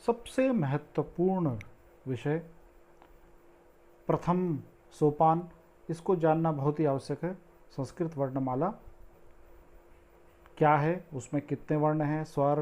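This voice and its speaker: A man's voice: fairly high pitch, warm tone. A man teaching a grammar lesson in a teacherly way, reciting Sanskrit verses and drawing out vowel sounds.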